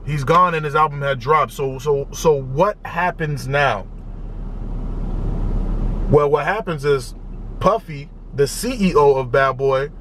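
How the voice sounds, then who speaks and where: A young man hosting a music reaction video, talking casually and excitedly in slangy, repetitive bursts. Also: on the high side, slight background noise. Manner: excitable, loud, slangy, repeats himself.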